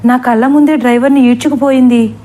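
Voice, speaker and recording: A woman's voice: sits high, steady tone, fast, mellow, natural voice. Woman voicing a terrified male schoolteacher. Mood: panicked. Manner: trembling, urgent, pleading. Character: frightened middle-aged male Telugu schoolteacher.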